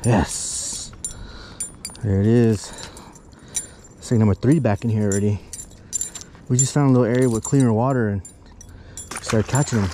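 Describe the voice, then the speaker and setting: A man filming himself fishing from a small boat on a lake, chatting excitedly and whooping as the fish bite. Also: fairly low pitch, moderate pace, pauses often. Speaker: fishing vlogger. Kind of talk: excited outdoor fishing chat. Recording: outdoor noise, wind and water.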